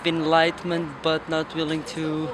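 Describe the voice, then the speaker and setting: A documentary subject muses philosophically off the cuff, his fairly high voice utterly flat as he halts, searches for words, hesitates and swears at times. He's recorded on a noisy outdoor street with traffic and a crowd in the background.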